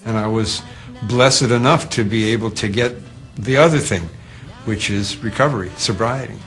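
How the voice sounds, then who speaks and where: A man in an interview, speaking candidly in halting bursts. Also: on the low side, fairly bright tone. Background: music.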